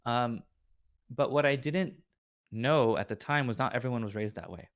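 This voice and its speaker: A man's voice: medium pitch, normal speed, no echo. A young man talking casually as a podcast guest, looping through his thoughts with constant "like" and "right?" and slipping into other people's voices for quotes. His voice sits in an everyday middle range. The recording is dry and close, with no room sound. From Orange County, California. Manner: rambling, heavy use of "like" and "right?". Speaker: guest, lawyer and streamer.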